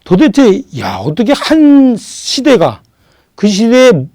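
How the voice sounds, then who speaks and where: A man's voice: extremely high pitch, huge pitch swings, dark tone, no room sound, clean studio sound. A man of about sixty, a guest on a political talk show, speaking emphatically and asking rhetorical questions. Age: around 60. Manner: emphatic, asks rhetorical questions, drawn-out pauses.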